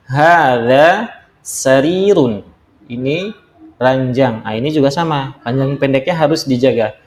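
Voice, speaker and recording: A man's voice: medium pitch, a little mellow, reverberant, a little hiss or hum. A man teaching beginner's Arabic from a textbook in a casual lesson, explaining step by step and drawing out each word as he demonstrates it. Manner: slow, drawn-out demonstration of words.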